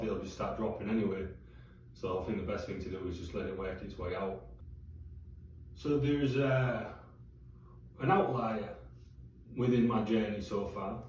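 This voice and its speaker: A low-voiced man talks in a candid, chatty video-diary way, dropping the odd swear word. His tone is dark and mellow. He is picked up from a distance in a very echoey room with faint hiss behind him. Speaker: vlogger. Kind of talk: casual vlog diary.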